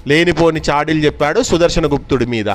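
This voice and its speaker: A man narrating a children's folk tale in a lively storytelling manner, with small restarts. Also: a little high, quick pace, faint music behind.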